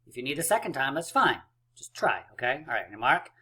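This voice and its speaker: A man's voice: medium pitch, big pitch swings, fast, sharp tone, breathy edge. A man teaching a math lesson to young children, upbeat and chatty with lots of fillers. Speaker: math coach.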